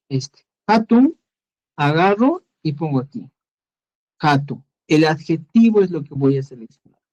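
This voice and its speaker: A Quechua language teacher with a Peruvian Spanish accent gives a slow, patient screen-recorded lesson, repeating each word and asking "¿ya?". His voice is mellow and dark but swings widely in pitch, and the recording sounds dull and lo-fi.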